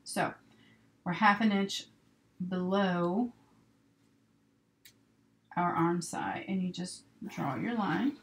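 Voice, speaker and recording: Creaky low-voiced woman teaching a sewing craft. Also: slow, pauses often. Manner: chatty, talks herself through each step while working with her hands. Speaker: sewing instructor hosting a live stream. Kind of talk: casual hands-on tutorial talk. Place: indoors at a work table. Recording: noisy home recording with rustling paper and clicks. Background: paper rustling, clicks, steady noise.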